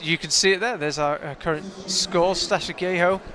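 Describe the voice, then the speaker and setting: A man with a slightly high, steady voice speaks at a moderate pace, giving live commentary on a climbing competition. He's chatty and analytical, thinking aloud as the action unfolds in a big hall with a loud crowd audible.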